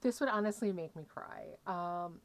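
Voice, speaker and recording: A woman doing casual let's-play commentary, reading choices aloud and thinking out loud. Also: lowish voice, normal speed, slight background noise. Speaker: gaming streamer playing a dating game.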